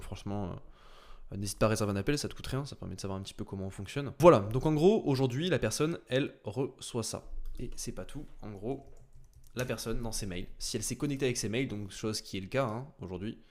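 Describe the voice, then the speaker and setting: A man demoting nothing but walking through software in a casual, rapid screen-share tutorial, full of fillers and little sound words. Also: on the low side. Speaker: sales coach.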